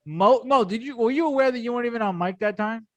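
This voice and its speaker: A man's voice: very high-pitched, quick pace, fairly bright tone, no room sound, muffled recording. A man co-hosting a podcast, trading teasing, wry banter in casual chat. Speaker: podcast co-host.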